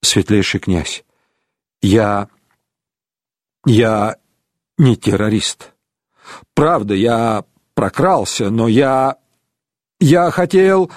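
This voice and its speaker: A man's voice: fairly low pitch, expressive, extremely slow, pauses often, no echo, clean studio sound, pitched below the performer's own voice. A man voicing a desperate young man who pleads his innocence urgently in an audiobook. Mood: pleading.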